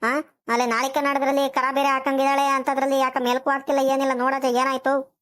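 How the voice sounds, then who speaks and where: Woman doing an old village granny, highish voice, fussing and coaxing. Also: little pitch movement, brisk, fairly bright tone, natural voice. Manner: coaxing, worried. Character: fussy old village grandmother.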